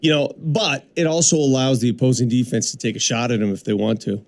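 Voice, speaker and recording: A man co-hosting a sports radio show, talking casually and joking, with halting restarts. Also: medium pitch.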